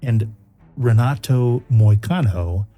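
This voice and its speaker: Slow, very dark-voiced man lecturing. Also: medium pitch, expressive. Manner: deliberate, quotes sources formally. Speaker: philosophy lecturer presenting a video. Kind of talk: scripted lecture with casual asides. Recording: music under the voice.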